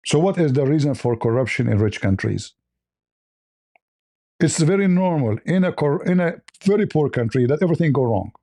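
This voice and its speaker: A man's voice: a little high, lively intonation, normal speed, warm tone. A man hosting a livestream, giving mocking, sarcastic commentary and repeating phrases for emphasis. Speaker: livestream host.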